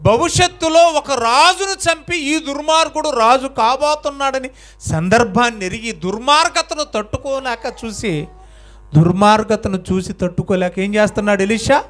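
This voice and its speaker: A male pastor telling a story in a sermon, questioning his congregation and having them answer aloud, swinging between loud and soft. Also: very high voice, moderate pace.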